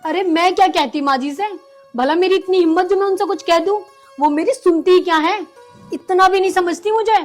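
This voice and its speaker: Casting: gentle pleading daughter-in-law, high voice, faint music. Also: female voice, brisk. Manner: pleading, earnest. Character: patient, dutiful young village daughter-in-law.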